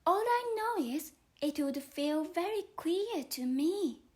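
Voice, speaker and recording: A woman's voice: high-pitched, expressive, slow pace, darkish tone, pitched above the performer's own voice. A woman voicing a polite, puzzled young girl in a storybook reading, speaking earnestly and carefully.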